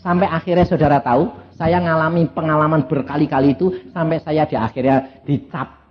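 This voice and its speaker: A man's voice: a little high, steady tone, brisk. An elderly man with a Javanese accent, preaching a sermon through humorous personal stories, often turning to address his listeners. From Central Java, Indonesia. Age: elderly, around 80. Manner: anecdotal, humorous, addresses audience as "saudara". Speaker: evangelist preacher. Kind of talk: storytelling sermon. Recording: dull lo-fi sermon recording.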